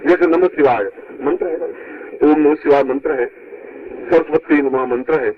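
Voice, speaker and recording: A man giving a spiritual discourse to his disciples, heard from an old, worn tape, emphatic and leaping high when he stresses a point. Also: moderate pace, muffled recording, a crowd in the background. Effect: old worn tape recording. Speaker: spiritual teacher.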